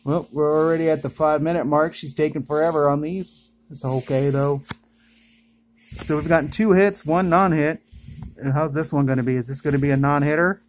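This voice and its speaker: A vlogger chatting casually indoors while opening trading card packs, with excited exclamations at each good pull. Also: medium pitch, slight background noise. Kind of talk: casual unboxing commentary. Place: indoors at home.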